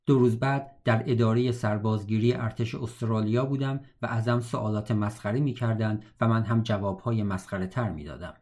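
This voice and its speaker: A man reading a novel aloud in a steady, reflective way, now and then breaking off for wry casual comments. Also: lowish voice, few pauses. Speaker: audiobook reader.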